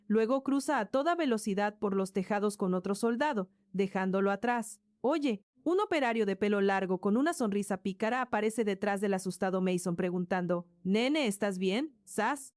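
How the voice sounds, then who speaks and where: High, dry-voiced woman narrating a story. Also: darkish tone, no echo. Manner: dramatic storytelling with spoken sound effects. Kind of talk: scripted narration.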